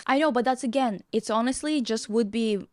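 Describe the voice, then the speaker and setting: A woman from Russia co-hosting a podcast, talking bluntly and quickly in casual chat and swearing freely. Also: a little high, no room sound, studio quality. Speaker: podcast co-host.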